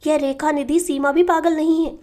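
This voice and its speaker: A woman's voice: high voice, steady tone, normal speed, darkish tone, lightly acted. A woman narrator voicing a desperate woman confined in an asylum, pleading to be let out. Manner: pleading, insistent.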